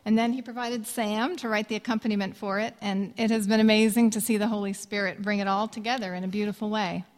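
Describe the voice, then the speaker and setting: A woman in her thirties who grew up in Indonesia, earnestly and gently introducing a worship song she wrote. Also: mid-range voice, steady tone, quick pace. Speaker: songwriter. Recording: long reverb with soft music behind.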